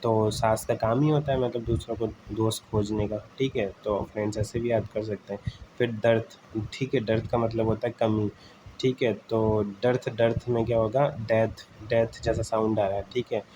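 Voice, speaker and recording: This rough recording, carrying a little hiss or hum, features a man whose warm, fairly low voice stays level as he runs a relaxed exam-prep vocabulary class. He leans on memory tricks, repeats "theek hai" to make sure everyone's okay, addresses listeners as "friends," and often pauses on "uh."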